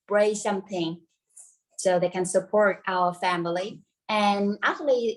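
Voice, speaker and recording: In a low-quality recording with a bit of hiss or hum, a woman with a medium-pitched voice leads an informal live cooking lesson. She's a native Vietnamese speaker from central Vietnam with that region's accent, and her English is simple and non-native, often missing words.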